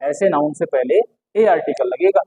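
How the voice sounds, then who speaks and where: Mellow teacher quizzing and answering themselves. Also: medium pitch, lively intonation, slightly rough, rough recording. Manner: asks questions and answers them at once; repeats key words slowly for emphasis. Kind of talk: explanatory lesson.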